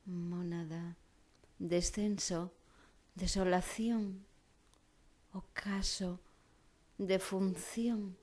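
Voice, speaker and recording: A woman poet reciting her own verse in a grand, solemn declamation, with measured, dramatic phrasing and long pauses. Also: on the low side, flat delivery, darkish tone.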